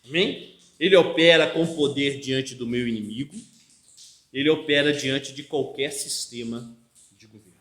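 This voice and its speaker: In an echoey church hall, a Brazilian pastor with a Brazilian Portuguese accent gives an expository sermon in a mid-range, slightly bright voice. His preaching is emphatic, punctuated by frequent call-and-response cries of "amém?" to his listeners.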